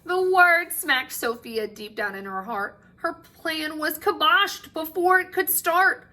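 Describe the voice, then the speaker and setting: Reading a picture book to a group of children, a woman teacher uses a high voice and an expressive style, with dramatic pauses and drawn-out phrase endings.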